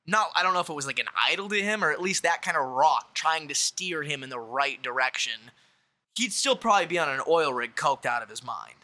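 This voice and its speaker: Young guy chatting, really bright sharp voice, a bit high, gets loud and swears a lot. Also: fairly quick. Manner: animated, swearing, shouts when acting out quotes. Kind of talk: casual chat.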